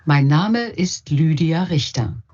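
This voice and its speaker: Slow, breathy woman in course audio. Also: low voice, expressive, darkish tone. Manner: slow, clearly articulated. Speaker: speaker in a language-course audio. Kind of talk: scripted textbook dialogue. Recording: muffled course audio played over a call.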